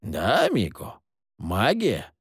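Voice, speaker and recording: Man voicing sly sardonic schemer, low hissing delivery, lively dry read. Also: normal speed, no room sound. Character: sly scheming man, mocking, calls others amigo.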